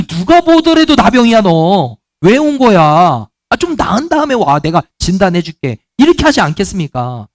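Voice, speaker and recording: A man preaching a sermon as pastor, animated and acting out the voices of people in the story. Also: sits high, no echo, clean studio sound.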